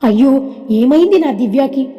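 A woman's voice: sits high, animated, moderate pace, muffled recording. A woman voicing a devoted young man who talks earnestly and pleadingly about his missing fiancée, in a storybook with long reverb.

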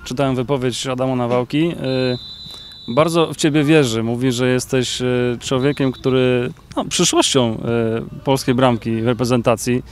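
A male sports reporter interviewing a player outdoors beside a pitch, asking long questions with filler sounds. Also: normal speed. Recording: faint outdoor noise.

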